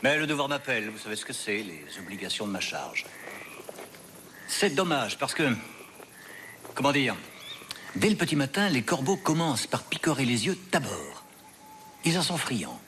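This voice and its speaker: A man's voice: medium pitch, very animated, bright, forceful tone, a little hiss or hum. An actor playing a cruel, mocking captor, drawling his taunts. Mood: sneering. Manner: taunting, drawn-out sneering delivery. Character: mocking cruel Spanish male captor, sadistic. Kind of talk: film drama acting.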